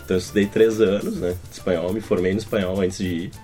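A man's voice: low voice, fairly even intonation, quick pace, warm tone, faint music behind. A young man, telling easygoing anecdotes as a guest. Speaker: exchange student guest.

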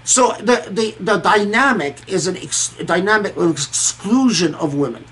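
Halting and reflective, this man from Egypt and Kuwait comments informally on scripture in a scholarly way, frequently pausing and repeating words. He sounds high, animated and a little bright.

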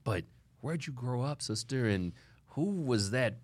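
A man hosting a studio interview podcast, speaking emphatically and warmly to his guest. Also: medium pitch, animated, unhurried. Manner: warm, emphatic, calls guest "sister". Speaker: podcast host.

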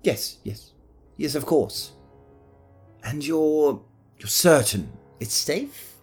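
A woman's voice: low voice, animated, very slow, a little mellow, soft background music, heavily acted. A woman doing a stammering, panicky nobleman. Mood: nervous. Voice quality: breathy, stammering. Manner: nervous, then frantic and pleading. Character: panicky greedy nobleman who killed his mother.

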